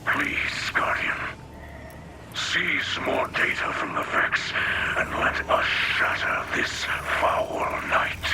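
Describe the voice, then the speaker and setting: Man voicing Mithrax, a slow, breathy alien leader. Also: very noisy, natural voice. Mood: grave, pleading. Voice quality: breathy, whispery rasp. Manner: measured, formal, halting phrasing. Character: solemn, gentle alien leader of a refugee people. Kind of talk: dramatic video game cutscene acting. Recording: loud music under the voice.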